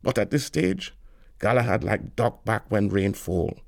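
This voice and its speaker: A man reading a novel aloud in a lilting, expressive storytelling manner. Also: fairly low pitch, measured pace, gravelly, no room sound, studio quality. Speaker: reader.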